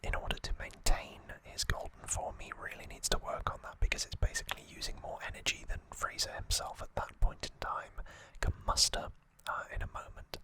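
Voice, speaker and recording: This ASMR host whispers softly and breathily without voicing, walking through a relaxed recap with gentle hesitation. She moves a little fast with few pauses, and the audio is poor.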